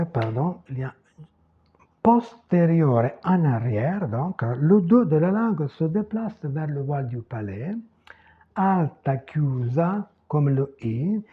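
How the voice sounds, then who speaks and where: A man teaching a language lesson at a board, slow and methodical, repeating example words. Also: on the high side, husky. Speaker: Italian teacher. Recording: tinny phone-like sound.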